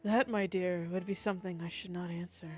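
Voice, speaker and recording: A woman voicing a commanding, seductive aristocratic woman professor in a dating-sim game, speaking low, measured and composed. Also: steady tone, darkish tone, soft background music, natural voice. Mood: teasing.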